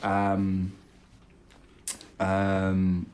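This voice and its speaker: A young British podcast co-host, born in London and raised partly in Italy and England, tells his own story in a chatty, informal, self-deprecating way. His deep, slightly mellow voice has a completely flat delivery and drawn-out words.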